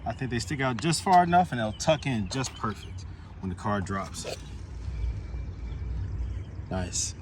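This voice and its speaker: An auto shop owner narrates his car work in a casual vlog, relaxed and enthusiastic, repeating his praise with exclamations and sounding pleased. His pitch swings lively up and down at a measured pace with frequent pauses. Steady background noise sits behind him throughout.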